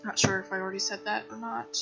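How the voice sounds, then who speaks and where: Her voice is medium-pitched, creaky and flat, and she talks quickly. She's a woman game streamer making casual, scattered, self-deprecating chat with viewers, captured on a dull lo-fi mic with music in the background.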